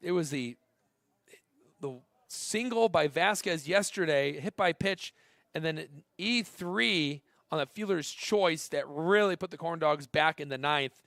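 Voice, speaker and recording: A man calling a baseball game live, chatting between pitches and rising to excited shouts on big plays. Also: measured pace, vocal fry, no echo. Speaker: play-by-play announcer. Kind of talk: live baseball play-by-play commentary.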